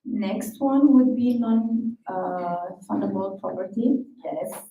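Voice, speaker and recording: Slow woman moderator in an echoey hall. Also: mid-range voice. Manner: brief, welcoming. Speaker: event moderator. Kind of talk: announcing speakers. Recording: echoey hall, distant mic, faint noise.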